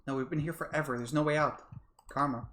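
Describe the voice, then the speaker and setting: A man's voice: fairly high pitch, fairly even intonation, fast talker, fairly bright tone, slight background noise, close to an everyday voice. A man voicing a despairing young heroine. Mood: broken. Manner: despairing first-person narration, repeating herself. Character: young woman trapped in a time loop, worn down. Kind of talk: narrating a game in character.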